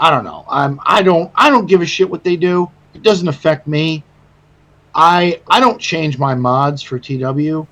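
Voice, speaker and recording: A man co-hosting a casual gaming podcast, animated and swearing freely, often stammering and restarting. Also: a little high, low-quality recording. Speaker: podcast co-host.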